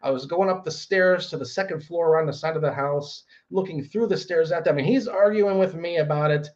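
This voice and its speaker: A middle-aged man telling a rambling landlord story, acting out quotes in sudden shouts. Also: fairly high pitch, a little fast, highs cut off. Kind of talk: casual storytelling vlog.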